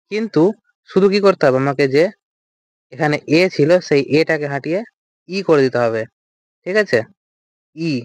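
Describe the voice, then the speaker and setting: A man's voice: on the high side, no echo. A man teaching an English vocabulary lecture, explaining step by step and asking and answering his own questions. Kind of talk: recorded lecture.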